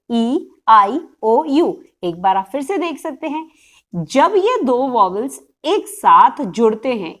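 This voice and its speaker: A woman teaching a phonics lesson, speaking slowly and patiently. She spells words out letter by letter and then blends them together. Her voice sits a little high and swings widely in pitch. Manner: patient, explanatory.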